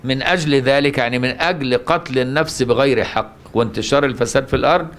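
A man's voice: medium pitch, quick pace, fairly bright tone. A man with an Egyptian Arabic accent giving a religious lesson on the Quran, often asking rhetorical questions and answering them himself. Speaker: Quran teacher.

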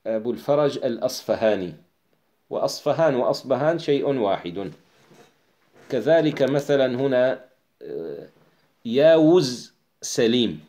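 Man, teacher, reading and explaining a classical text, measured delivery, pauses and fillers. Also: mid-range voice, darkish tone.

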